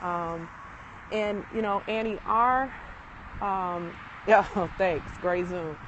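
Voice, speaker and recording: A chatty woman real estate agent talks her way through a casual walking live-stream, full of fillers and easy asides. She sounds a little winded from the walk. Her voice comes through a handheld phone outdoors, with clear city noise around her. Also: medium pitch, steady tone, slow, muffled recording. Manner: chatty, rambling, with many fillers and laughs. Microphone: phone held while walking.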